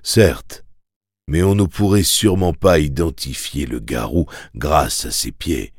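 A man narrating a story in the first person in a measured, grave way, for an audiobook. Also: extremely low pitch, husky, no echo, clean studio sound.

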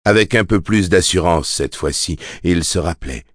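A man narrating a novel as an audiobook in a measured, even storytelling manner. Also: low voice, no room sound, studio quality. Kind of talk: scripted narration.

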